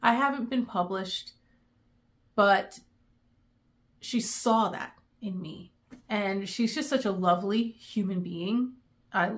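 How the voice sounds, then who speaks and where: A middle-aged woman, chatting in a rambling way with many pauses, going emotional at times. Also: mid-range voice, a bit bright. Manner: emotional, near tears. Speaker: book vlogger. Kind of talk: casual chat.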